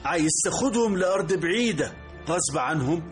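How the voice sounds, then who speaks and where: A man's voice: fairly high pitch, animated, brisk, faint music behind, natural voice. A man playing a stern, principled king and father with an Egyptian accent in a radio drama. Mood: stern, probing.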